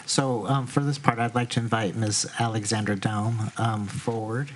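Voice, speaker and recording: A man speaking as a district official, introducing a presentation at a meeting in a halting, informal way. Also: on the low side, flat delivery, low-quality recording. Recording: meeting room with faint noise.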